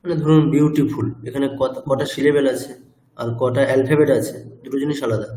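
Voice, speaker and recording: Man, patient teacher, quizzes the class, mellow, roomy echo. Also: medium pitch, fairly even intonation, brisk. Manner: patient, asks the class questions. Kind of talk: online chanting class, explaining syllables. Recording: roomy echo, faint room noise.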